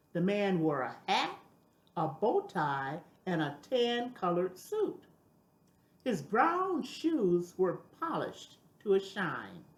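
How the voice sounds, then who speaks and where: An older woman reads a children's storybook expressively, with sweet grandmotherly warmth and deliberate, emphatic phrasing. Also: mid-range voice. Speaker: storybook reader. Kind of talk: expressive scripted storybook narration. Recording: roomy, echoing sound.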